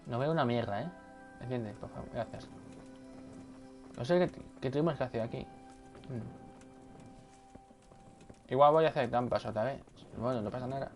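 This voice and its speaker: Man muttering low over gameplay at night, soft music under. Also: normal speed, pauses often. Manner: speaking quietly, muttering to himself. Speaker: gameplay video creator. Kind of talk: casual gameplay commentary. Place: home at night.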